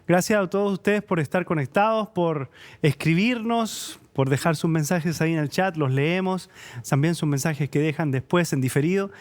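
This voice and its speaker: A man's voice: a little high, normal speed. Chilean man hosting a church talk show. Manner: warm friendly interviewer, reads scripture and greetings. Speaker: church program host. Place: church studio.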